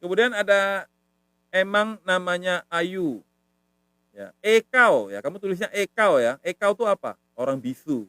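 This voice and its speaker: Higher-voiced man teaching casually. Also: lively intonation, a little slow, sharp tone, clear, resonant tone, no room sound. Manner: repetitive, patient, says "ya" often. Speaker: language teacher. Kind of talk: casual live-stream lesson.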